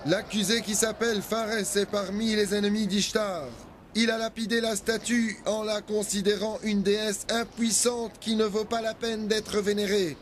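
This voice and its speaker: An actor dubbing a town official who formally proclaims charges, in a historical drama. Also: male voice, high-pitched, little pitch movement, normal speed, a little hiss or hum, natural voice. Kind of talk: French dub of a historical series.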